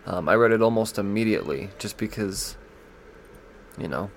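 Gravelly-voiced man chatting casually. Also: fairly low pitch, lively intonation, moderate pace, slight background noise. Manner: profane, joking, reads blurbs aloud and stumbles. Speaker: comics podcast host. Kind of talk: casual solo commentary on new releases.

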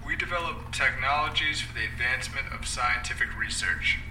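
A man's voice: medium pitch, fairly quick, pushed and bright, roomy sound, recorded from a distance, slight background noise, low-quality recording. A man playing an evasive male corporate public relations representative who answers in curt, scripted lines.

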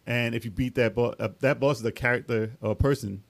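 Chatty man hosting, mid-pitched voice. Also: steady tone, quick pace, vocal fry, no echo. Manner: enthusiastic, chatty. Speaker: interview host. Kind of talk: casual chat.

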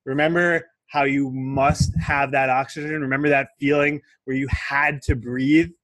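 A man voicing a calm old monk teacher who speaks slowly and evenly. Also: mid-range voice, dry recording, natural voice. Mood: solemn. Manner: slow, measured.

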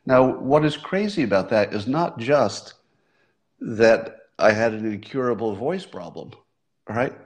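A livestream host in his sixties muses aloud to his audience in a casual monologue, now and then laughing at himself. His voice is medium in pitch, animated and a little slow.

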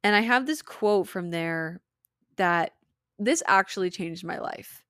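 A woman's voice: on the low side, expressive, slow pace, a bit bright, clear, resonant tone, dry recording, clean studio sound. Giggly Utah-accented young woman podcaster. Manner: candid, giggly, swears freely. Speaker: podcast host. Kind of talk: casual solo podcast chat.

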